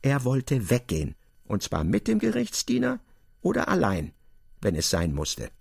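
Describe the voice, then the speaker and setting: A man giving expressive scripted narration in a literary radio drama. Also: mid-range voice, moderate pace, creaky, slightly rough, dry recording, clean studio sound.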